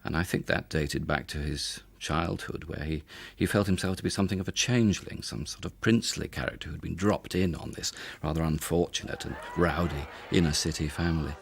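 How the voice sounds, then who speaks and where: Very deep gravelly man. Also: brisk, few pauses, no room sound. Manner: considered, storytelling. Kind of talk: documentary interview.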